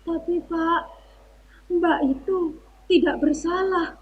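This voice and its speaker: A woman's voice: high-pitched, slow, muffled recording. A woman acting a timid, deferential citizen in a theatre monologue, pleading meekly. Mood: earnest, pleading. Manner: meek stage acting.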